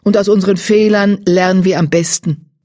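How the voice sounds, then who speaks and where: A reader voicing a firm, commanding she-cat clan leader, raised and forceful. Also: medium pitch, fairly even intonation, normal speed, dry recording, clean studio sound, natural voice. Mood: authoritative.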